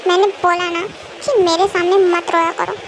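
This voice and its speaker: A woman's voice: very high voice, flat delivery, normal speed, background noise. A woman voicing a bossy, short-tempered young mafia king husband who scolds and gives impatient commands. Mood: irritated.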